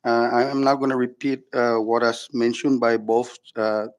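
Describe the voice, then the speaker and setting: A man's voice: mid-range voice, little pitch movement, moderate pace, clean tone. A male legislator making formal floor remarks to the members of his chamber.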